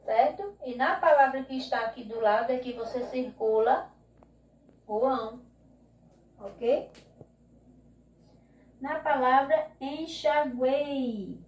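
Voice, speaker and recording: A woman teacher with a Brazilian Portuguese accent, giving a recorded lesson and explaining slowly and patiently, often checking in with "ok?". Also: a little high, darkish tone. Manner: slow, patient, drawn-out classroom explaining with frequent "ok?" checks. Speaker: primary school teacher. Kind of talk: recorded remote class lesson. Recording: echoey room, mic at a distance.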